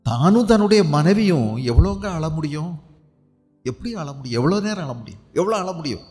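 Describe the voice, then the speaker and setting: A male pastor preaching a sermon with a Tamil Nadu accent, asking rhetorical questions and swinging between loud and soft. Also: brisk. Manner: animated, rhetorical questions, dramatic swings in pitch and loudness. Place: church prayer hall. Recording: long hall reverb with faint music.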